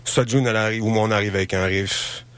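Male band member, fairly low pitch, relaxed informal phrasing for interview answers. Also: fast talker, no echo. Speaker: musician, interview guest. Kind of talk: casual interview chat.

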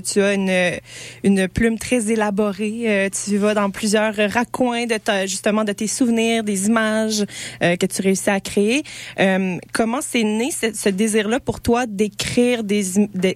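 A woman's voice: mid-range voice, no room sound. A woman hosting an interview, asking questions in a conversational style. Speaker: interviewer, host.

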